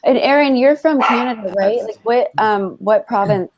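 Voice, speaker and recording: A woman's voice: on the high side, normal speed, very noisy. A woman hosting a casual live video-call show, telling stories in a chatty way and laughing often. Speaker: show host.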